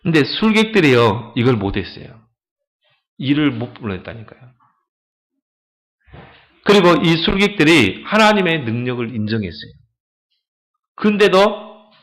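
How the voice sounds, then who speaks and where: Pastor, male, lively sermon delivery, pitch a bit high, lots of rhetorical questions. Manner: animated preaching with rhetorical questions to the congregation. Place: church.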